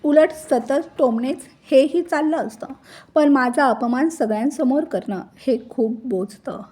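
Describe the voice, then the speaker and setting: A hurt young daughter-in-law, as a woman storyteller voices her, speaking tearfully in a soft, breathy, mellow voice. Her words plead for fairness. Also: sits high, measured pace.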